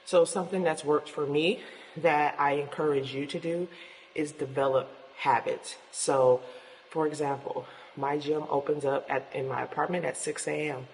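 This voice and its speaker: A woman's voice: low-pitched, steady tone, moderate pace, a little mellow. A woman talking casually and encouragingly to viewers as a fitness vlogger, recorded in an echoing gym. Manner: encouraging, addresses viewers directly. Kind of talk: casual motivational vlog talk to viewers. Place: indoors in an apartment building gym. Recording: echoing gym, long reverb, faint noise.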